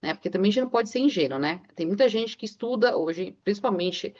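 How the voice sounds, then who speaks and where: A woman's voice: mid-range voice, animated, quick pace, a little mellow, muffled recording. A woman in a casual book club discussion, rambling through anecdotes with frequent filler tags. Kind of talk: casual chat.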